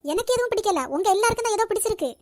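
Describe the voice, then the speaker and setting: A woman voicing a sharp-tongued, grasping middle-aged housewife in a cartoon, with a Nagercoil Tamil accent and a sarcastic, complaining manner. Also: very high voice, expressive, rapid-fire, slight background noise. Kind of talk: cartoon voice acting.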